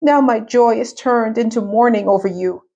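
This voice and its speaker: A woman reading the slow, mournful lament of a devout, grieving elderly mother. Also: a little high, dark tone, muffled recording, pitched above the performer's own voice.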